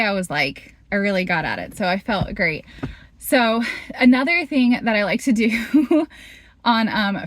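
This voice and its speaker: Woman rambling on about her day, lots of likes, mid pitch, super casual vlog vibe. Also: a bit bright, no echo. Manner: rambling, heavy use of "like". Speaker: fitness vlogger.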